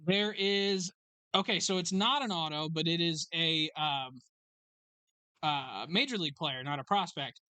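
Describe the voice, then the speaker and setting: A host runs a live card break in a sports card shop and reads out each pull in a steady, matter-of-fact roll call. The voice is bright and forward. The sound is dry and close, with little room around it. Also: mid-range voice, smooth, no room sound. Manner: brisk roll call of card names and numbers.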